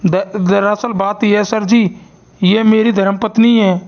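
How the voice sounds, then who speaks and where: A jumpy, henpecked cartoon schoolteacher who stammers and begs for forgiveness. His voice sits high with a gravelly edge. The audio is dull and lo-fi. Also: fairly even intonation, unhurried, darkish tone. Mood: flustered pleading. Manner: stammering, pleading. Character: nervous henpecked male schoolteacher.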